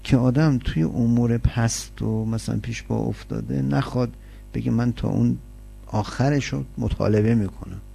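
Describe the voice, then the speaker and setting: A man preaches in a plain, conversational way, leaning on everyday examples and rhetorical questions. His voice is mellow and dark, with a gravelly, husky edge. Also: mid-range voice. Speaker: religious lecturer. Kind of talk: conversational sermon.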